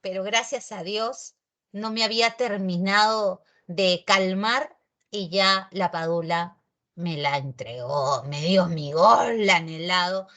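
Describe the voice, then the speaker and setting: A woman teacher from Peru, with a Peruvian Spanish accent, gives a grammar lesson in a chatty, expressive way, speaking directly to her students. Her voice is medium-pitched and her pace is slow.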